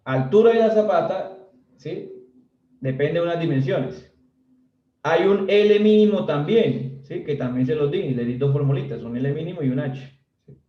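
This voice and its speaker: A man's voice: on the high side, lively intonation, normal speed, recorded from a distance. A man teaching a civil engineering class in a casual, chatty way, always checking whether his students follow and joking with them. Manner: chatty, constantly checks understanding with "¿sí?", jokes with students. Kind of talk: casual recorded lecture. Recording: dull, roomy audio from off mic.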